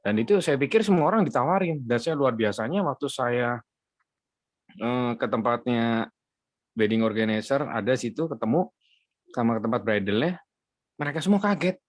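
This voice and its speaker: A man's voice: mid-range voice, normal speed, pauses often, no room sound. Chatty man giving a testimony. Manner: chatty, many hesitant fillers. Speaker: car dealer giving a faith testimony. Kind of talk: casual spoken testimony. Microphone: video call.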